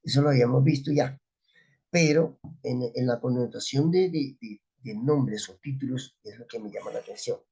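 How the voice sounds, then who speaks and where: A man's voice: medium pitch, moderate pace, mellow, breathy edge. A man teaching a Bible study, explaining words step by step and asking his listeners rhetorical questions.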